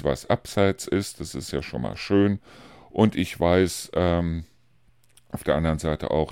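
Very deep-voiced chatty man. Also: warm tone, clear, resonant tone, no room sound, studio quality. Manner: chatty, rambling, offhand. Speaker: radio host. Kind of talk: casual monologue.

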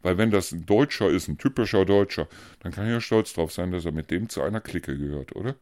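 A man's voice: deep voice, brisk, a little mellow, no echo, studio quality. A man co-hosting a podcast in casual conversation, ranting bluntly and heatedly, hammering his points with repetition. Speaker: podcast co-host.

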